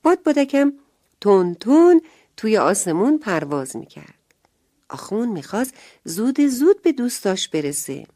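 A woman telling a bedtime story to children, gentle and expressive, sometimes dropping to a whisper. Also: fairly high pitch, no room sound, studio quality.

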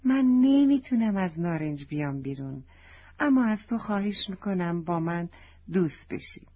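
Woman doing a kind little orange girl, soft spoken, husky softness, muffled audio. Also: lowish voice, sing-song. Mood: gentle. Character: kind orange girl spirit living in a fruit.

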